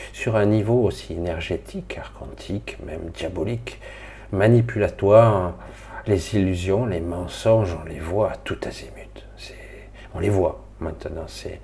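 A man's voice: low-pitched, gravelly, a little mellow, a little hiss or hum. A middle-aged man from Marseille, rambling casually and colloquially to viewers of his spiritual live stream. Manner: rambling, colloquial, swears, talks to viewers directly.

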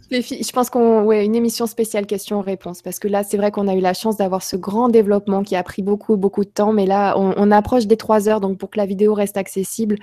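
A woman's voice: mid-range voice, level tone, quick pace, dark tone, no echo, studio quality. A woman hosting a live stream, reading out viewer comments with many hesitant fillers.

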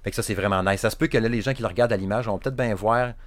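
A man's voice: lowish voice, very fast, no echo. Chatty Quebec man, dry close sound. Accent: Quebec French, Saguenay. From Saguenay, Quebec. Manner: animated, rambling, stacks up fillers and restarts. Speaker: podcast co-host, game reviewer. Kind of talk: casual chat.

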